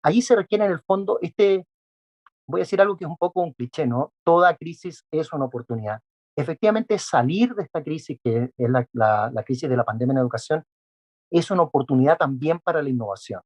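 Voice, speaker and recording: He speaks on the high side, animated, a little fast and slightly mellow. This education specialist, not Peruvian, handles interview questions methodically, enumerating his points with plenty of fillers.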